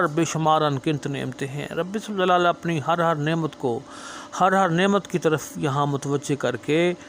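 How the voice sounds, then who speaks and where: A man's voice: on the high side, fairly bright tone, a little hiss or hum. A man explaining Quranic verses in an earnest sermon style, often repeating phrases for emphasis. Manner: melodic drawn-out chanting of verses, then earnest explanatory speech. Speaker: Quran teacher.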